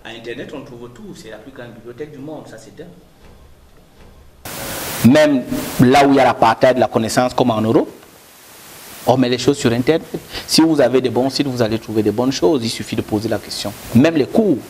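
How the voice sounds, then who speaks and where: A Cameroonian company director in his 30s is a guest in an interview, speaking briskly with a slightly mellow voice. His delivery is emphatic and rhetorical, full of sweeping pitch swings. The room is echoey, with faint noise.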